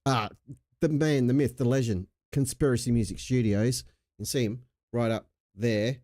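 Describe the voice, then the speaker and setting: A casual Australian streamer, relaxed and prone to jokes and swearing, speaks at normal speed in a medium-pitched, warm voice. He is getting over a chest infection with a cough that hangs on, and the studio recording is clean and echo-free.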